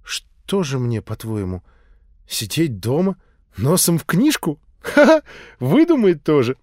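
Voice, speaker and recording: A man's voice: a little high, very animated, unhurried, darkish tone, no echo, clean studio sound. A man voicing a brash, flirty earthling woman in an audiobook, cocky and teasing.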